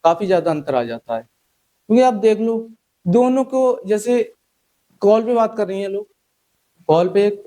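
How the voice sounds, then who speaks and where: A man's voice: on the high side, dark tone, rough recording. Chatty male stand-up comedian. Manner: chatty, teasing the crowd, acts out quotes.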